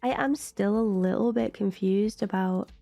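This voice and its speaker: A woman's voice: medium pitch, fairly even intonation, moderate pace, gravelly, dark tone, no room sound, faint music behind. A British woman hosting a reaction video, chatty and opinionated, often filling her talk with "like". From Britain. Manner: chatty and opinionated, with frequent "like" fillers. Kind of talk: casual reaction commentary.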